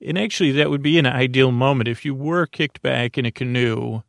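A podcast host talks sleepily in a soft, soothing, mid-range voice that has a gravelly edge. His bedtime ramble drifts from one thought to the next, full of pauses, fillers and restarts. The mic sits close and the sound is dry, with no room noise at all.

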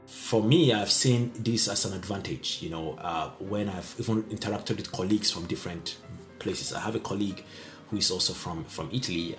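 A young man from Nigeria, a PhD student in optics, speaking earnestly in an interview and repeating words for emphasis. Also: deep voice. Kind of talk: interview testimony.

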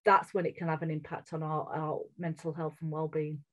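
A middle-aged woman from England with a strong northern English accent speaks earnestly and candidly as a guest in a podcast interview, often restarting her sentences. Her voice is low-pitched and a little fast, with flat delivery. The audio is muffled and lo-fi.

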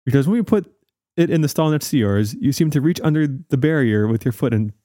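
A man's voice: medium pitch, animated, fairly quick, dark tone, dry recording, studio quality, close to an everyday voice. A man playing an earnest, insistent TV news investigative reporter in a mock-serious parody report. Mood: probing.

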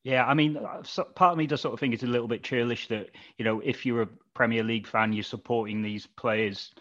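Podcast host guy, even mid voice, asking questions, bit muffled. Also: medium pitch, brisk. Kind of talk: hosting a podcast discussion. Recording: slightly muffled audio.

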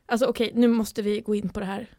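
A woman's voice: mid-range voice, level tone, warm tone, no echo, clean studio sound. A young woman co-hosting a casual chat podcast, frank and blunt, with casual swearing. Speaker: podcast co-host.

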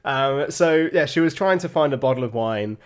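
A man's voice: mid-range voice, animated, normal speed. A young man co-hosting a podcast, telling stories in a dry, understated, casual way. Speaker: podcast co-host. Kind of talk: casual chat.

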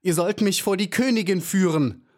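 A small young bee girl cries out in a high, urgent, breathless voice, as a male storyteller puts her on. She pleads desperately and sounds far above his own reading voice. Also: moderate pace, a little mellow, close to an everyday voice.

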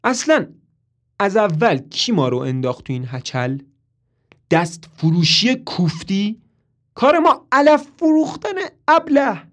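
A man voicing a sharp-tongued young woman who mocks and bickers, often in a hissed whisper. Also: fairly high pitch, natural voice. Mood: scolding.

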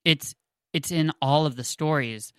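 A man's voice: a little high, a little slow, fairly bright tone, clear, resonant tone, dry recording, studio quality. A man reading as a bewildered young king. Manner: read aloud plainly from a novel.

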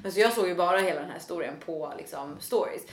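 A woman co-hosting a podcast in casual chat, chatty and quick to agree with short replies. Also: fairly low pitch. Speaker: podcast co-host. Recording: echoey room.

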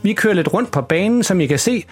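Brief: man voicing woman attendant, formal, stern, pitched up, husky underneath. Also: animated, faint music behind. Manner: firm, formal announcer tone. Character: strict woman park attendant.

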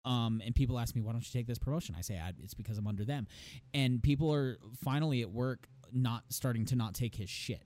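A young man tells a heated, profane story about a bad manager in casual conversation, speaking quickly at a medium pitch with a warm tone. His voice is phlegmy and strained, as if he is losing it.

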